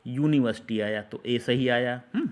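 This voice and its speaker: A man's voice: mid-range voice, normal speed. Man teaching English articles in Hindi. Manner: repeats and quizzes with questions.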